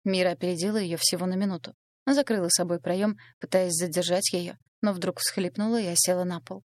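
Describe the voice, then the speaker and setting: Low-voiced woman narrating an audiobook. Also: fairly even intonation, brisk, no room sound. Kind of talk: scripted first-person narration.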